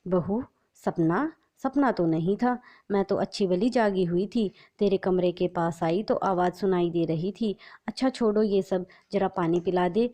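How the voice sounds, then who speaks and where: A woman's voice: lowish voice, measured pace, hardly any pauses, lightly acted. A woman voicing a blind elderly mother-in-law who calls out plaintively in a storybook narration. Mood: suspicious. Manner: calling out loudly, plaintive.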